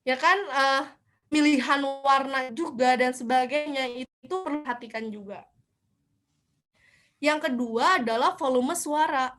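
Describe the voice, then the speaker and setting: A woman's voice: high voice, unhurried, fairly bright tone. A young woman giving a casual online lecture, chatty, asking herself questions and answering them. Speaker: speaker at a student seminar.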